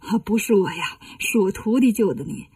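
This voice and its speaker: A woman voicing a gentle, fussy male monk master who lectures softly and speaks lower than her own voice. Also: animated, normal speed, breathy edge, no room sound, recorded from a distance. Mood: mild. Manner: soft-spoken, lecturing.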